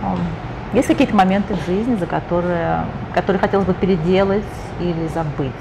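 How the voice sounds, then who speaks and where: A woman with a lowish, gravelly voice and brisk delivery interviews someone casually, asking chatty, admiring questions. She's indoors in a lounge furnished with leather sofas and bookshelves, and the recording carries noisy room ambience.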